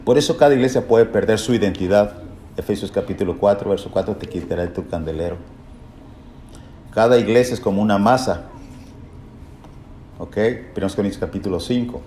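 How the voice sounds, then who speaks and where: This time the preacher's voice is lowish and mellow, a little quick, with frequent pauses. He teaches the Bible lesson forcefully, poses rhetorical questions, and drives key phrases home through repetition, in an echoey room with faint noise behind him.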